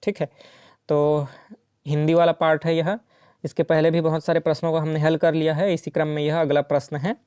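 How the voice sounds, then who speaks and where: A man's voice: a little high, flat delivery, brisk, a little mellow, clean tone, no echo, studio quality. A man teaching an exam-prep lesson, explaining each question step by step and checking in often with the listener. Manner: explains step by step with frequent "ठीक है" and "है ना".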